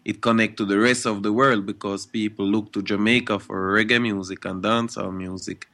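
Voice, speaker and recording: Young male reggae artist, low voice, relaxed interview talk full of verbal tags. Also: a little fast. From Guadeloupe and Switzerland. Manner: laid-back, frequent "you know" and "you understand" tags.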